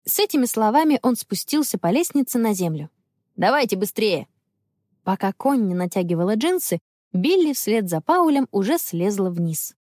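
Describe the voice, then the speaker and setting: A woman narrating a children's story aloud in an expressive, storytelling manner. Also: medium pitch, moderate pace, dry recording. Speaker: audiobook narrator.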